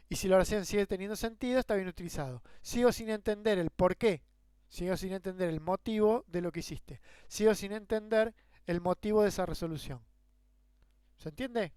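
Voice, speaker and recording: A man's voice: high voice, a little mellow, clear, resonant tone, dry recording. A man with a Rioplatense Spanish accent giving a grammar lesson, explaining with rhetorical questions and worked examples. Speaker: teacher. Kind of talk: grammar lecture.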